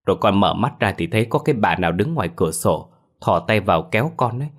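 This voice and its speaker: A man's voice: on the low side, animated, fast. A man voicing a frightened little village boy who screams and pleads. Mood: pleading. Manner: panicked screaming.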